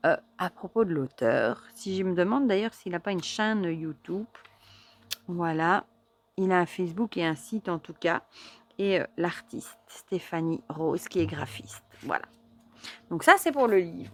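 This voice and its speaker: Woman chatting thru a card deck, kinda low voice, lots of euh, goes soft n hushed when she likes one. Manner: chatty, admiring, halting with fillers. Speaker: oracle card reviewer. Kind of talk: casual show-and-tell review.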